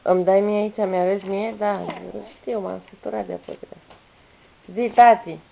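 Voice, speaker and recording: At home in a room with a bed, a young woman films her toddler and coaxes her with playful, repetitive baby talk. Her medium-pitched voice is level and gravelly, picked up by the camera's built-in mic as tinny lo-fi audio with faint noise.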